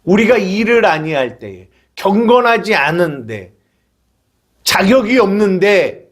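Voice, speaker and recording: A man's voice: high-pitched, big pitch swings, unhurried. A male pastor preaching a sermon, acting out prayers and imagined dialogue as he explains his point.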